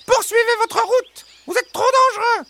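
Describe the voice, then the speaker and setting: A man's voice: very high-pitched, normal speed, pushed and bright, a little hiss or hum, voice pushed up, heavily acted. A man voicing timid, flustered hens in a storybook reading, stammering and full of fillers. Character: fussy flustered hens, small timid birds.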